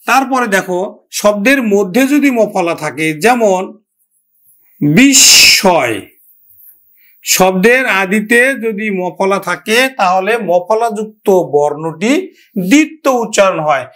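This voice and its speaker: A man teaching a pronunciation lesson, talking directly to students and repeating example words slowly. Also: high-pitched, expressive, a bit bright. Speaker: Bengali language teacher. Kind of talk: classroom-style grammar lesson.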